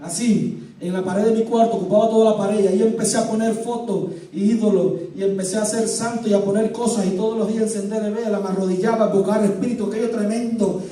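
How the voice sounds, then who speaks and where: A man giving an emotional personal testimony in church, telling his story in an animated way with chuckles. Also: high voice, fast talker. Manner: animated storytelling, chuckling, dramatic sound effects. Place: church sanctuary. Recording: echoey church hall, distant mic.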